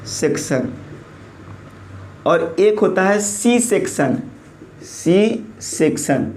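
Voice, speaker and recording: A lecturing man with a fairly high voice. He asks the class each term and then answers it himself. His throat is a little sore, which makes the voice slightly thick and hoarse. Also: darkish tone. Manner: repeats key terms as call-and-response questions. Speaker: teacher.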